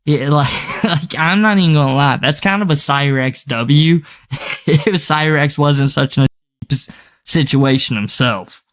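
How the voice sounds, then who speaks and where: A man's voice: fairly high pitch, unhurried, a bit bright. A young man giving casual reaction commentary to his viewers, talking loosely with frequent stammered restarts. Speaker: commentary YouTuber.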